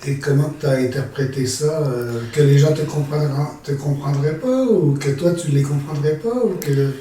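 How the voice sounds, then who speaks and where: A man's voice: on the high side, normal speed, mellow. Guy hosting an interview, lots of euhs and restarts, far off mic, faint background hum. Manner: hesitant, many fillers and restarts. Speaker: podcast host. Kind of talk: conversational interview. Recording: distant mic with heavy room echo and faint ambience.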